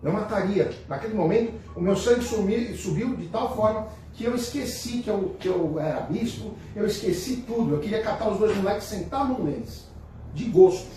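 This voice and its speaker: A middle-aged bishop with a Brazilian Portuguese accent delivers a homily in a high, lively voice, speaking a little fast. His style is conversational and emphatic, packed with rhetorical questions. The mellow sound comes from an echoey room heard at a distance, with a little hiss or hum.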